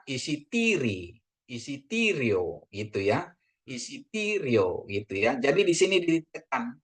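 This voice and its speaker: A man from Indonesia teaching a casual Greek language lesson, slowly drawing out words for learners and addressing them politely, with many fillers. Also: medium pitch, breathy edge. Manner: drawn-out repetition of words, frequent fillers; addresses listeners as ladies and gentlemen.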